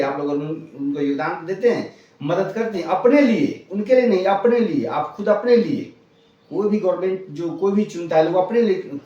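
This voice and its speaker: A man's voice: on the high side, darkish tone, distant mic, muffled recording. A man giving an impassioned political monologue to his viewers, urging them on and repeating phrases for emphasis. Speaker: political commentator. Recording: echoey room, voice from the mic.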